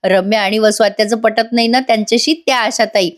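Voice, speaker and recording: A woman's voice: fairly high pitch, fairly even intonation, brisk. A woman doing a chatty voice-over review of a TV serial episode, talking straight to her viewers. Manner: chatty, addresses viewers directly.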